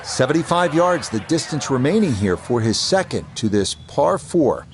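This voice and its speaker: A man as a golf commentator, calling play in a measured, polished broadcast manner. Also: medium pitch, sing-song. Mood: composed, approving. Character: composed male television golf commentator. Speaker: golf commentator, lead announcer. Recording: crowd and outdoor noise behind. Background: crowd ambience.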